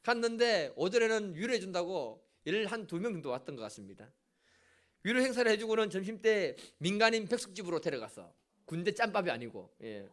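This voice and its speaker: A middle-aged male pastor preaching a sermon in a church, telling a story with asides to the congregation. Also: sits high. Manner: animated storytelling with audience asides. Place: church sanctuary.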